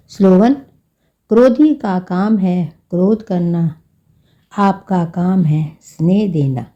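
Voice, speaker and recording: A woman reading a devotional scripture text aloud in a slow, measured recitation. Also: lowish voice, dark tone, slightly rough, muffled recording. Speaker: spiritual reader.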